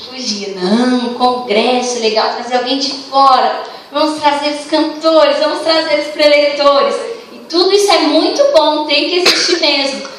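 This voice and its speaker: A young Brazilian woman preaches to a church congregation, telling personal stories and playing out the conversations. Her voice sits high and carries through a booming, reverberant hall. She is picked up from some distance away, with faint room noise behind her. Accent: Brazilian Portuguese. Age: young adult. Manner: warm storytelling, acts out dialogue. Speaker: youth congress leader and preacher. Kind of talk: sermon.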